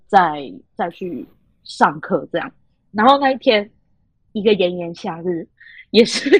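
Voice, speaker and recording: An animated young woman with a Taiwanese Mandarin accent tells a story as a podcast host. Her voice is husky and fairly high, and it swings up and down a lot. The recording is dry and close to the mic. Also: no echo. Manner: animated, laughs often, acts out quoted voices. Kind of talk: casual storytelling chat.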